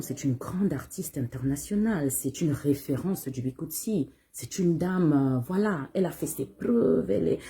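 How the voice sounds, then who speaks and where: Speaking straight to her listeners in a relaxed way, a bikutsi singer with a Cameroonian French accent repeats herself for emphasis and poses rhetorical questions to herself. She has a low, mellow voice.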